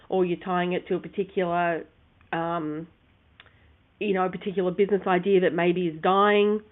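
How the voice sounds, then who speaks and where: A woman co-hosting a casual business chat, rambling and sometimes losing her train of thought. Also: lowish voice. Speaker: podcast co-host. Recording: phone-like narrow sound.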